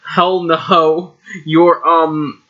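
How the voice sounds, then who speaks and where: Dude reading a shy blushy teen boy, flat read, bright voice, muffled lo-fi. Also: a little high, drawn-out words, heavily acted. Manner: flat read-aloud delivery. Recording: dull lo-fi recording.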